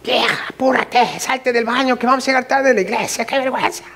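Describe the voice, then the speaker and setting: Brief: male preacher doing a high, whiny husband, nagging and impatient, in a sermon skit. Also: fairly quick, creaky, fairly bright tone, exaggerated voice. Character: impatient husband hurrying his wife.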